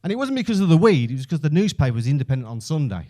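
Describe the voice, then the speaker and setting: A man's voice: a little high, big pitch swings, rapid-fire, warm tone. A man with a Birmingham Brummie accent telling stand-up stories in a conversational, self-deprecating, sweary way. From Birmingham, England. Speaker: stand-up comedian. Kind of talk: stand-up comedy storytelling.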